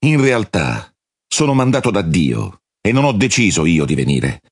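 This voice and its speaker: A man reading the part of a calm, solemn male religious teacher in a measured, husky voice. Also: sits low, dry recording, studio quality, full character voice.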